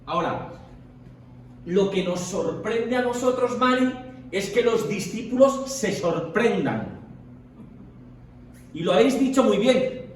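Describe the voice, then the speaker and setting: A man leading a Bible study group, explaining at length and often checking in with the listeners. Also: sits high. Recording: echoey room, far from the mic, faint noise.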